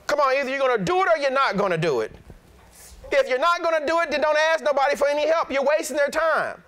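A middle-aged pastor preaching a sermon in an animated, blunt, plain-spoken way. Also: male voice, very high voice, quick pace.

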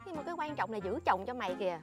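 Faint music plays behind an actress with a Southern Vietnamese accent, whose natural, slightly high, expressive voice races along very fast. In the comedy sketch she is a bossy, showy friend, boastful and scheming, lecturing another woman.

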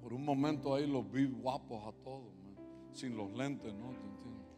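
A man preaching a sermon as pastor, moving from quiet confiding talk to loud, impassioned preaching and slipping in English words. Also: mid-range voice, moderate pace. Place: large church hall. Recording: long hall reverb with music behind.

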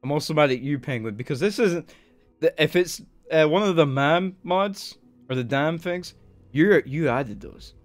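A man streaming a game live, exasperated and swearing, with bursts of yelling between muttered commentary. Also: fairly high pitch, expressive, moderate pace, no room sound, faint music behind. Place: home desk.

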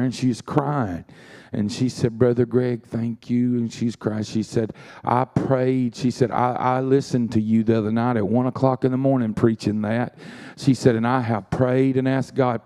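Folksy man preaching, mellow voice. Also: mid-range voice. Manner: folksy storytelling with frequent "amen"s. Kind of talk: sermon. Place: church.

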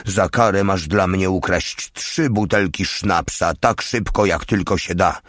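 A man's voice: low-pitched, a little slow, fairly bright tone, no echo, clean studio sound. A man voicing a hulking, brutal male soldier who bellows in pompous, mock-righteous outrage in an audiobook. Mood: outraged.

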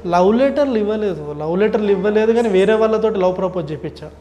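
A man talks as a comedian guest in a casual interview. He tells stories rapidly and with a lot of animation. His voice sits high and his words come quickly. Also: lively intonation, mellow.

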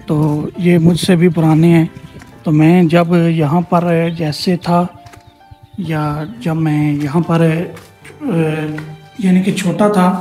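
A man leads a casual outdoor tour through open scrubland. His voice sits fairly high, and he explains things in a rambling way full of hesitant fillers. Faint music plays underneath. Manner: louder and more energetic while walking through the brush. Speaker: travel vlogger. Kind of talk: casual tour-guide vlog. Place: outdoors in open scrubland by an old stone bridge.

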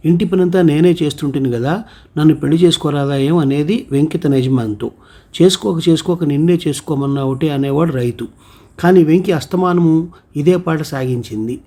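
A man narrating a folk tale in a steady storytelling manner, voicing the characters' lines himself. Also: fairly high pitch. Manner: steady storytelling with voiced quotes.

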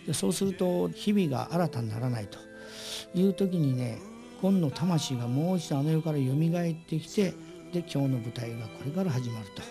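A man's voice: fairly high pitch, expressive, brisk, gravelly, over music. A puppeteer man talking earnestly and reflectively about his craft in an interview. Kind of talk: interview talk.

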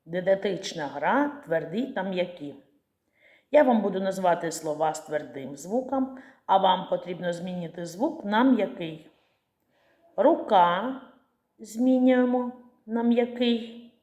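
A woman teacher talks to small children in a slow, deliberate way, spelling out each step and answering her own questions. Her voice sits at a middle pitch, and the room around her is echoey. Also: darkish tone. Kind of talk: slow clear lesson for young children.

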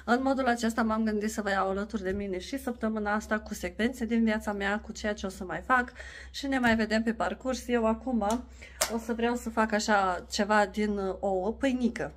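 A woman in her thirties from Romania, talking casually through her home vlog as a mother. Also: medium pitch. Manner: chatty, lively, coaxing with children. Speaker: vlogger, mother.

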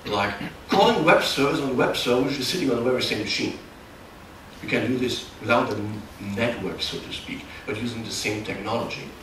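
Recorded by a camera far back in a large, dark conference hall, a middle-aged German man delivers a technical workshop talk, pausing and revising his phrasing as he goes. He comes from near the Dutch border, speaks with a German accent, and has an expressive, medium-pitched voice. Echo and background noise fill the audio.

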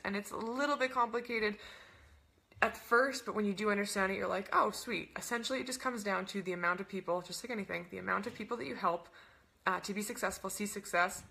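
A young woman coach talks casually to her webinar viewers, bubbly and rambling as she gushes with enthusiasm. Her voice is bright and forward, with a gravelly fry, and she slips into a higher voice to act out little conversations. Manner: acts out little dialogues in a higher voice. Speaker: wellness coach hosting a webinar. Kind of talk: casual webinar talk to camera.

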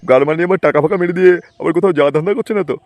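A man's voice: a little high, racing, a little mellow, no echo, lightly acted. A man voicing a bossy, foul-mouthed thug moneylender in a cartoon. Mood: menacing. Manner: swearing, bossy. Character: thuggish male moneylender boss, rough and threatening.

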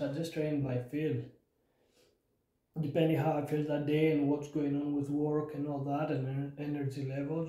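A man in his thirties with a somewhat high, husky voice describes his home workout as casual narration over clips, sitting indoors in a small room. He's worn out from too little sleep and speaks plainly and loosely, stumbling into fillers and restarts. No echo, but the recording quality is low.

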